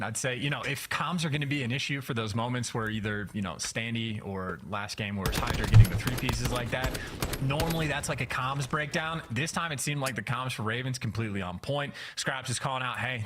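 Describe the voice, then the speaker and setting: A man's voice: mid-range voice, a bit bright. A man giving live esports color commentary, breaking down stats and plays. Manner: analytical, explaining stats and plays.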